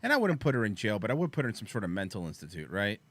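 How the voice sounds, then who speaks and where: Guy with a bright voice joking around on a podcast, swears, dry mic. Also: lowish voice, sing-song, rapid-fire, no echo. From United States. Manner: profane, joking. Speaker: podcast co-host. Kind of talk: casual banter.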